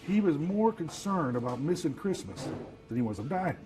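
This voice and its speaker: Soft-spoken man telling a story. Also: on the high side, very animated, music in the background, poor audio. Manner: halting, soft-spoken, full of "you know" fillers. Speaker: actor who works as Santa, telling his story. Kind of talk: interview storytelling.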